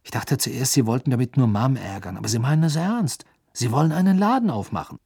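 A man voicing a skeptical, blunt teenage boy in an audiobook, talking in a quick, agitated way. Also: medium pitch, expressive, gravelly, mellow, husky, dry recording, studio quality, pitched above the performer's own voice.

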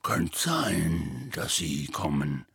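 A hulking, gruff male half-giant, as an audiobook reader puts him on, rumbling deep and low. He grumbles slowly and wearily, his voice husky and a little dark. It sounds dry and close. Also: no echo, full character voice. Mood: weary, gloomy. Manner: slow, low, weary grumbling. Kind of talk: audiobook character voice.

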